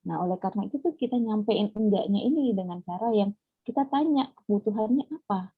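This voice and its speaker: A woman giving a webinar talk on parenting, chatty and lively, speaking directly to the mothers listening over a video call. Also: mid-range voice, fairly quick, breathy edge, no echo. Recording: phone-like thin audio.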